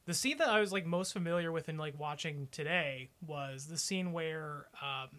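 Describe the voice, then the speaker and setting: A man with a high-pitched, bright, ringing voice chats as a movie podcast co-host. He is wry and drops jokey asides. His delivery stays loose and conversational. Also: moderate pace. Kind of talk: casual movie discussion.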